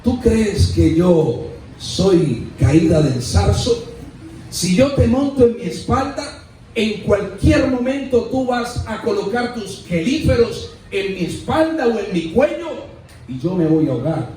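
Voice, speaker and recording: A man's voice: high-pitched, very animated, takes it slowly, dark tone, a little hiss or hum, exaggerated voice. A man playing a wary, scolding little frog. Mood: suspicious. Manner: suspicious, scolding. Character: wary female frog, sharp-tongued and suspicious. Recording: echoey church hall, distant mic.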